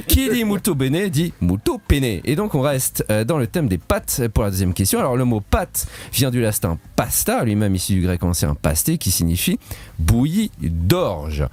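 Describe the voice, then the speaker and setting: A man's voice: on the low side, sing-song, moderate pace, a little mellow. A man from Switzerland, presenting a playful, punning radio quiz segment in a studio. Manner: playful, punning, laughs at his own jokes.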